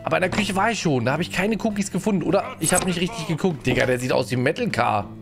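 A man's voice: a little high, animated, rapid-fire, gravelly, music in the background. A man streaming a game live, chatting and greeting viewers as he plays, often tagging his sentences with a questioning "ne?". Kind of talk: live gameplay commentary.

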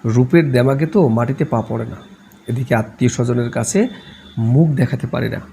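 A man voicing a scolding, sharp-tongued old grandmother in a read-aloud novel, shrill and scornful. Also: moderate pace, gravelly, a little hiss or hum, close to an everyday voice.

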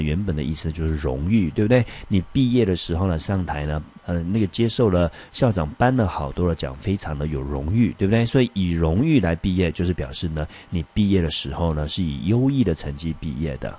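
A male high school English teacher explaining vocabulary in a lesson, reading English sentences slowly and with many fillers. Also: dark tone, husky. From Taiwan.

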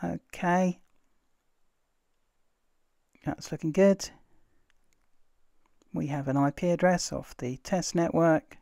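A man, casually talking through a computer tutorial as host, relaxed and filled with "uh" pauses. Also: a little high, gravelly, dry recording, studio quality. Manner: relaxed, chatty, many "uh" fillers. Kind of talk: casual screen-recorded tutorial narration.

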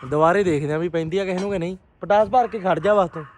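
A man giving casual, animated vlog commentary, often repeating short phrases. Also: sits high, quick pace, slight background noise. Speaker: pigeon keeper and vlogger.

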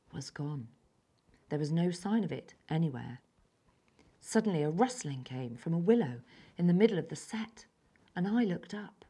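A schoolgirl of about ten from England reads her own story aloud. Her voice is rather low for her age, and she reads carefully and evenly, slipping into soft, breathy passages now and then. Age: child, about 10. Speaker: young story author.

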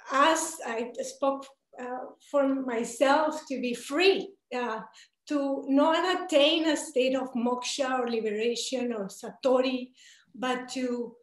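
Speaking through her laptop on a video call, a young Spanish-speaking woman with a high voice and Colombian accent puts a question to an online Q&A. The home room echoes, and she comes across as earnest and hesitant, leaning on lots of fillers.

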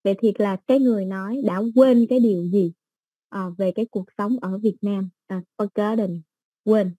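A woman teaching an English exam-prep lesson, explaining slowly with everyday examples and many fillers. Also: mid-range voice, fairly even intonation, warm tone, no echo, rough recording.

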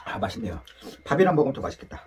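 A man's voice: medium pitch, sing-song, rapid-fire, slight background noise. A man with his mouth full of food, chatting casually to viewers as he reviews a meal at home.

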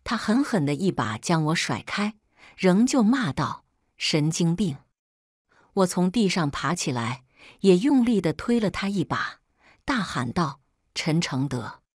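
A woman narrates a dramatic first-person family story, turning cold and taunting in her quoted lines. Her voice is low-pitched yet moves widely up and down. The recording is dry and close, with no room echo. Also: big pitch swings, measured pace.

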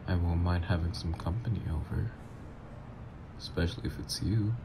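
Low and gravelly at a normal speed, this voice actor takes on the role of a playful, flirtatious supervillain ex for ASMR roleplay audio, teasing throughout. Background noise is audible.

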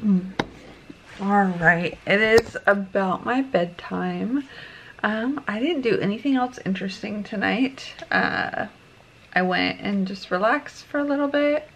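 Slow-talking woman vlogging at home. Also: medium pitch, a little hiss or hum, low-quality recording. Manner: relaxed, rambling with fillers. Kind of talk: casual vlog chat. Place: home kitchen and living room. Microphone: handheld camera at arm's length.

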